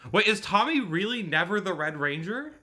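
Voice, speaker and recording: This livestreamer, a man in his thirties, speaks at normal speed in a high, sing-song voice that sounds pushed and bright. He hosts a visual novel readalong, chatting casually, wandering off on tangents and frequently correcting himself.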